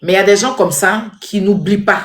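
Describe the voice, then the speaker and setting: A woman giving animated, scolding commentary straight to her viewers. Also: mid-range voice, brisk. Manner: animated, scolding, repetitive, addresses viewers directly. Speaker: social media commentator. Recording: echoey room.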